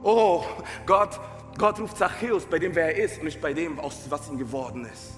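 A man's voice: fairly high pitch, moderate pace, fairly bright tone. A man preaching a sermon as a pastor, passionate, asking his listeners direct questions and mixing in English phrases. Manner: mixes English phrases into German. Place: church hall. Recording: roomy hall reverb with faint music.

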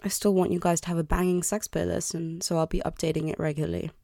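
A woman's voice: on the low side, little pitch movement, fast, creaky, dark tone, no echo, studio quality. A woman in her early twenties hosting a solo podcast, talking candidly and apologetically with a self-deprecating, confessional manner. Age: early 20s. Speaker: podcast host. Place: bedroom. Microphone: close podcast microphone.

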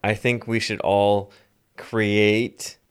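Man, co-host, a touch low-pitched, teasing playful banter. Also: flat delivery, drawn-out words, clean tone. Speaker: podcast co-host. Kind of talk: casual group chat.

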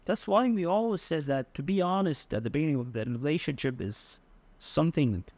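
A man with an Egyptian Arabic accent, explaining word meanings in a conversational language lesson, in halting, piecemeal phrases. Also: on the high side, animated, a little mellow, no room sound. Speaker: Arabic dialect co-teacher.

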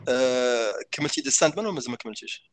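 Male podcast co-host, Moroccan Arabic accent, rapid casual delivery at medium pitch, dropping in English and French words. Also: lively intonation, no echo. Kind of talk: casual chat about films and series.

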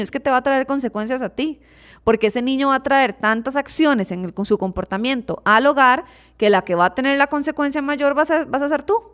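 A woman hosting a parenting advice program, speaking straight to her listeners and repeating words for emphasis. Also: fairly high pitch. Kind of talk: direct-to-audience advice talk.

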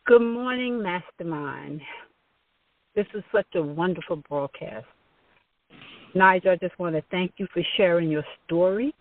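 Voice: mid-range voice, measured pace, long pauses, dry recording. Caller, gushing emotional voice, far from the phone, dry tinny line. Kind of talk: phone call-in.

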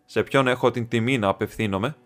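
A man voicing a sharp male detective who speaks briskly and dryly. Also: medium pitch, soft background music, close to an everyday voice. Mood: dry, assured. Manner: brisk, dry, confident. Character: sharp, dry male detective, self-assured.

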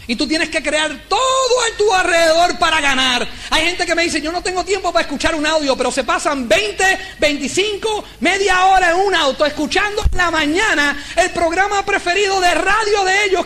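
Very high-voiced motivational speaker. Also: male voice. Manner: animated storyteller who acts out dialogues. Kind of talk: motivational talk to a live audience.

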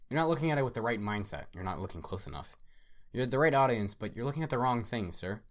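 A man voicing a manic, theatrical male artist villain who fawns over his guest, loud and sing-song with big jumps upward. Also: animated, quick pace, close to an everyday voice. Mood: manic, insistent. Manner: obsequious, repeats "sir", swings loud and high. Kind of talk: dramatic story reading.

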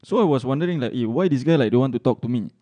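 Casual male podcast storyteller, mellow voice, Malaysian-Singaporean accent and slangy English peppered with lah and sia, swears freely. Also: mid-range voice, lively intonation, rapid-fire. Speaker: podcast co-host.

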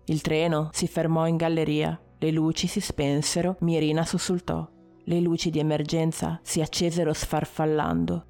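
A woman narrating a story in a measured way, with short dramatic pauses. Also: sits low, little pitch movement, warm tone, faint music behind.

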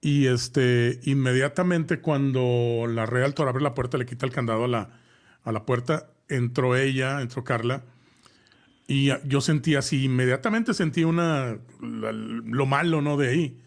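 A man's voice: medium pitch, measured pace. A man, co-hosting a live talk show and casually telling a horror story, rambling with lots of fillers and restarts and tossing in slang. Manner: chatty, addresses co-host directly with slang.

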